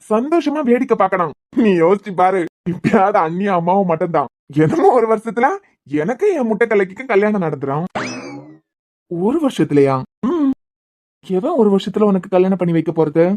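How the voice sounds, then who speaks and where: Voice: medium pitch, a little mellow, close to an everyday voice. A performer voicing a grumbling cartoon family man with a Kanyakumari Tamil accent, needling and bantering. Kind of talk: cartoon web series dialogue.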